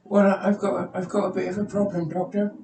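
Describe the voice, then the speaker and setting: A man voicing an anxious male patient in a comedy sketch, pleading in a high put-on voice. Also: level tone, a little fast, creaky, a little mellow. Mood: worried. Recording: roomy, distant, faint noise.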